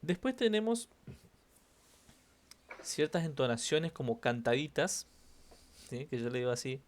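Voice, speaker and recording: A man's voice: mid-range voice, sing-song, measured pace, a little hiss or hum. Man, Rioplatense accent, teacher, walks through intonation patterns by repeating example phrases with stress. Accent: Rioplatense Spanish. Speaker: English teacher. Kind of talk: online class explaining intonation.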